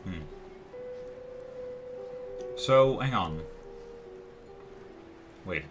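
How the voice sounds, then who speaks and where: With lo-fi music behind him and the sound of keyboard typing and clicks, a man casually comments on his video game livestream, thinking aloud and frequently trailing off to second-guess himself. He speaks very slowly in a low, slightly bright voice with lively intonation.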